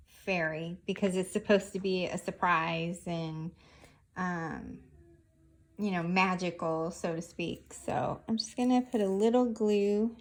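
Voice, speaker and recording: A woman hosting a casual craft tutorial, talking through each step of her handiwork as she goes. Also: lowish voice. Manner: unhurried, narrating each hand movement as she works.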